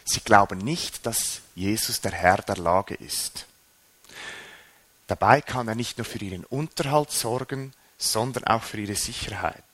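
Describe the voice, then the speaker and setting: A man preaching a sermon, animated, his voice rising and dropping sharply for emphasis. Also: fairly low pitch, unhurried.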